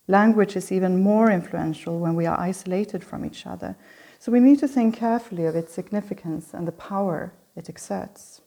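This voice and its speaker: Mellow woman reading a measured lecture. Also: mid-range voice. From Sweden. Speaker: lecture series host. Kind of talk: prepared opening lecture.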